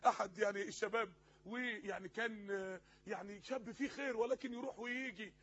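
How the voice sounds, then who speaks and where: Egyptian guy preaching, really high voice, quick and fired up, dull lo-fi sound. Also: fairly even intonation. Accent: Egyptian Arabic. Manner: impassioned, pleading, rising to tearful shouts. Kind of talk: sermon.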